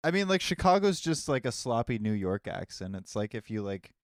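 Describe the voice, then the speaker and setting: A man's voice: mid-range voice, big pitch swings, a little fast, no room sound, clean studio sound. A man co-hosting a podcast in casual chat, enthusiastic and emphatic. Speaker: podcast co-host.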